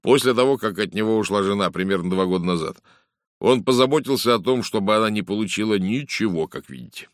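A man voicing a brisk, blunt middle-aged police inspector in an audiobook, talkative and matter-of-fact. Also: on the low side, no echo, clean studio sound, voice pushed up, lightly acted. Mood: chatty. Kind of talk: audiobook character voice.

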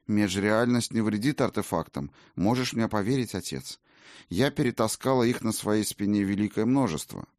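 A man's voice: lowish voice, lively intonation, normal speed, a little mellow, no room sound, clean studio sound, close to an everyday voice. A man reading a young valkyrie warrior woman. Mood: questioning. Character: young female warrior, former valkyrie, direct.

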